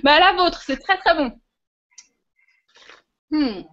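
A woman's voice: high-pitched, lively intonation, slow pace, a bit bright. A woman hosting a workshop, giving an informal, chatty demonstration with a hesitant way of explaining. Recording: muffled, lo-fi audio.

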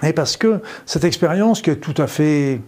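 A man's voice: a little high, expressive, normal speed, darkish tone. A man hosting an informal video lesson, addressing viewers as friends, explaining simply and repeating phrases for emphasis. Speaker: host of a weekly self-help video series. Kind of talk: informal spoken lesson with guided visualization.

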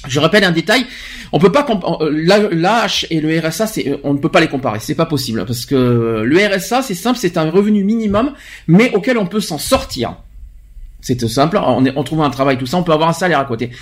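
A man's voice: on the high side, expressive, brisk. A man hosting a podcast, talking emphatically in a casual chat and often restarting his words. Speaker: podcast host.

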